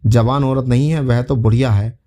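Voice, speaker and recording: A bossy old mother-in-law from a spoken folk tale, scolding and dismissive, read by a male storyteller. Her voice is soft and mellow, close to plain narration. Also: mid-range voice, fairly even intonation, normal speed, lightly acted.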